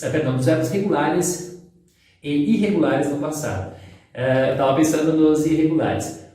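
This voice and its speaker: A man teaches an English grammar lesson in a mellow, slightly raised voice. He explains patiently, step by step. He sounds set back from the mic in a strongly echoing room. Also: fairly high pitch. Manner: patient, explains step by step, switches between English examples and Portuguese. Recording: very echoey room, far from the mic.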